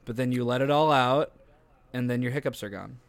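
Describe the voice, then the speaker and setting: A man's voice: mid-range voice, a little fast, no echo. A young man co-hosting a football podcast, talking in a loose, rambling, profane way while getting over hiccups. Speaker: podcast co-host. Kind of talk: casual chat.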